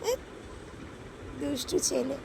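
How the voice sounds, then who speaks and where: Hoarse high-voiced mom with a cough, slow sing-song baby talk, playful scolding. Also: female voice, fairly even intonation, darkish tone, a little hiss or hum. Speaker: mother talking to her baby son.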